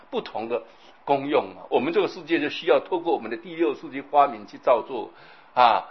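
A husky-voiced man delivers a Buddhist sermon. He tells stories with animation and acts out the scenes. The recording sounds dull and lo-fi. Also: mid-range voice. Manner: animated storytelling, acts out scenes, keeps asking the audience "right?". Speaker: Buddhist preacher.

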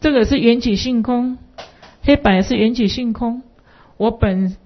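Brief: woman Buddhist lecturer, husky, filler-heavy, lo-fi recording. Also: on the high side, normal speed. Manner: rambling, many fillers and rhetorical questions. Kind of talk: dharma lecture with anecdotes. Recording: dull lo-fi recording.

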